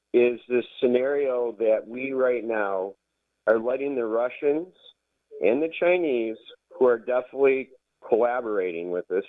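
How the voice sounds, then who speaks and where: A man's voice: mid-range voice, no room sound. Man calling in over the phone. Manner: halting, restarting, stumbles over words. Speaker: radio call-in listener. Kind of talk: call-in talk radio. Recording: tinny phone line, dry.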